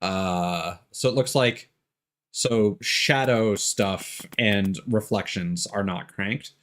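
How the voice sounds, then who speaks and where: Over game music, a male streamer gives casual live commentary, rambling, cursing and thinking out loud. He speaks slowly, with a lowish voice that has a slightly bright tone.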